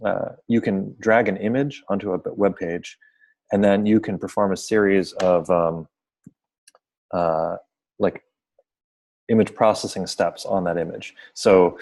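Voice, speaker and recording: A man's voice: low-pitched, steady tone, measured pace, vocal fry, pauses often, a little mellow. A man hosting an online seminar over a video call, explaining projects informally and apologizing for glitches. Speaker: seminar host.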